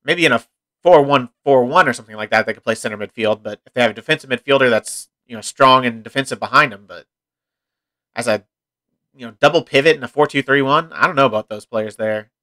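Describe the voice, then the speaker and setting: Bright-voiced young man commentating his game. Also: mid-range voice, quick pace. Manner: chatty, rambling, reacts to the match as he plays. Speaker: gaming commentator. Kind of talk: casual let's-play commentary.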